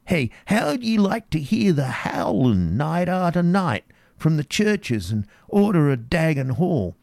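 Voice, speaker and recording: A man's voice: on the high side, sing-song, a little slow, vocal fry, a little mellow, no echo, studio quality, exaggerated voice. A man reading aloud, voicing a terrified, rambling old man who rants in a rustic dialect. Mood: taunting. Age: older. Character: wild-eyed terrified old male drunkard. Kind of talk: dramatic reading.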